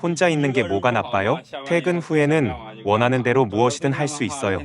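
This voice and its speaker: A man's voice: mid-range voice, expressive, brisk. Blunt young man, music behind. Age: 20s. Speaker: interviewee.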